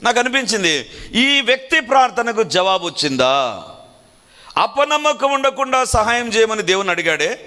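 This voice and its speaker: A man's voice: high-pitched, big pitch swings, normal speed, sharp tone. A man preaching a sermon earnestly, repeating phrases for emphasis and slipping in English lines.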